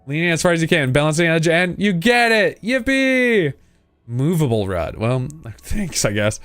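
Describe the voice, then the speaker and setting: A man's voice: on the high side, lively intonation, moderate pace, a bit bright, no room sound, faint music behind. A man giving a casual, playful game playthrough, reading text aloud and muttering asides to himself. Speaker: gaming video host.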